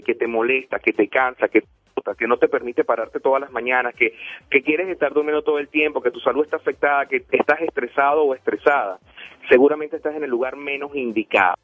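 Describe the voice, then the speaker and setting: This Venezuelan radio host runs a motivational program in a preachy, emphatic style, repeating points for effect and going over phone numbers again. His medium-pitched voice comes through a dry, tinny phone-like recording.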